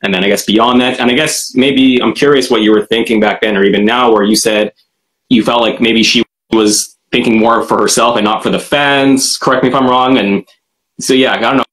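A man's voice: medium pitch, steady tone, brisk, fairly bright tone, rough recording. A man hosting an interview, asking polite, hesitant questions with many fillers. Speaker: podcast host, interviewer. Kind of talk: casual interview conversation.

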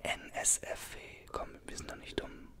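Young man in a hushed ASMR whisper. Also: normal speed. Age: 20s. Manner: informal, conversational asides. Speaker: ASMR creator. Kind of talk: ASMR, reading an article aloud with casual comments. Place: small bedroom. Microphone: desktop condenser microphone, close up.

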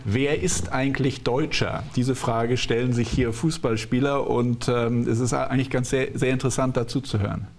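A man's voice: medium pitch, steady tone, normal speed, hardly any pauses, darkish tone. Middle-aged male talk-show host. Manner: long winding questions with fillers. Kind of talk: moderating a studio discussion. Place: TV studio.

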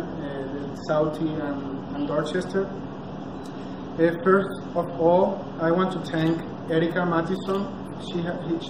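A Venezuelan man whose first language is Spanish, the founder of a nonprofit, gives a launch speech read from a clipboard. His high, flat voice is careful and halting, with many uh's and restarted words. He is recorded by a distant camera inside a small, echoey cafe with big street windows, room noise clearly audible.

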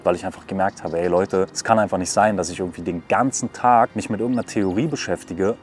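A man talking casually and frankly to his viewers in a vlog, emphatic and lively. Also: on the low side. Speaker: vlogger.

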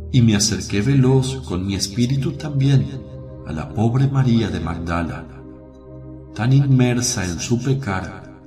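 In a devotional radio drama, a male actor portrays a gentle, merciful holy teacher. His low voice is slow, solemn, and tender in its measured delivery, set in a roomy echo over music.

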